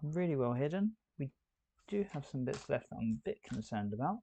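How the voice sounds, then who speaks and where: Man chatting gravelly as he builds. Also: mid-range voice, very animated, a little fast, warm tone, slight background noise. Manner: chatty, thinking aloud. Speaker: host. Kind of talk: live building stream chat.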